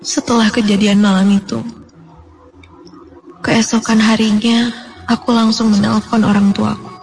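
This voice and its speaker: A woman narrating a first-person horror story in a dramatic way, her voice climbing high with fear at the tense moments. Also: flat delivery, measured pace, darkish tone, low-quality recording. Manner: dramatic, rising to frightened high pitch. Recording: music playing behind the voice.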